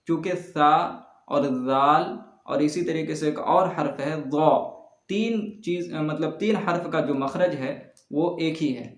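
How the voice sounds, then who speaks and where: A man teaching Quran letter pronunciation step by step, patiently repeating each sound slowly and loudly. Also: a little high. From South Asia. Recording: echoey room.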